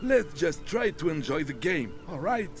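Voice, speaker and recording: A genial old man in a video game. His voice sits fairly high and moves around expressively, placating and encouraging. Music is clearly audible behind him. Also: big pitch swings, normal speed. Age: older. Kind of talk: video game character acting.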